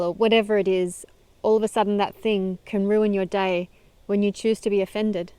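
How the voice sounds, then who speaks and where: A woman's voice: medium pitch, smooth, no room sound. A woman hosting a self-help video, speaking to camera in an earnest, encouraging and conversational way. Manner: earnest, encouraging, conversational, with frequent soft laughs. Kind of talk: direct-to-camera motivational talk.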